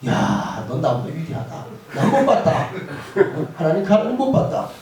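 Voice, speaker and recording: A man's voice: high voice, normal speed, crowd noise. Male pastor preaching in an echoey chapel. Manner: lively, asks the audience questions. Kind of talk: sermon to students. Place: school chapel. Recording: echoey hall from far off.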